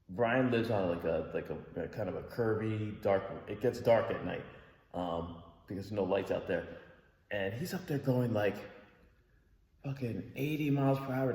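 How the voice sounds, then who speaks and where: A man's voice: lowish voice, a little mellow. A man telling a story in a casual vlog, rambling and swearing with an exasperated tone. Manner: rambling, profane, exasperated retelling. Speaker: vlogger. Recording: echoey room with long reverb.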